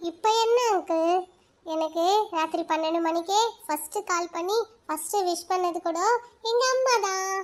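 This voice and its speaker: An earnest, caring cartoon schoolboy with a very high, light voice, as a woman puts him on. He speaks sincerely and fondly. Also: moderate pace. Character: devoted schoolboy son. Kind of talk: cartoon voice acting.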